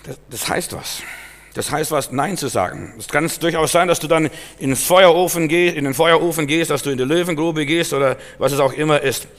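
A man preaching an emphatic sermon, swinging from loud exhortation to quiet, searching questions. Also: a little high, brisk. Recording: long hall reverb.

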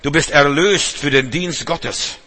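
A man delivers an evening sermon in a church hall, hammering home his points by repeating them and slowing down for each refrain. His voice is bright and a little husky, pitched slightly above the usual for a man. He mixes stern exhortation with wry humorous asides. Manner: emphatic, repeats key phrases, slows for refrains, humorous asides. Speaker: preacher.

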